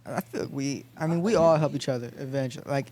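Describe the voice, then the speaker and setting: A man's voice: mid-range voice, quick pace, mellow. A man, a barber, speaking humbly and frankly in a casual group conversation.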